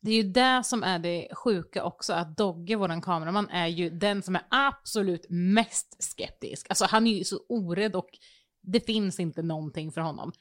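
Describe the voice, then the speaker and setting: A woman's voice: on the low side, fairly bright tone. Hesitant woman searching for words. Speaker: podcast co-host. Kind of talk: casual podcast chat.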